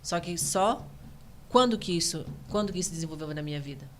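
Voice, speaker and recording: A woman in her thirties from Brazil, a guest giving an emotional personal testimony, animated and earnest. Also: on the low side, slight background noise. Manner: fast, earnest, animated storytelling.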